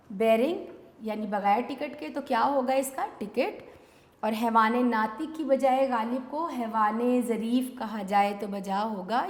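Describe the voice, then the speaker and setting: Woman teacher, online exam-prep lesson, asks and answers her own questions, fairly high voice, roomy echoey hall. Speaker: Urdu teacher.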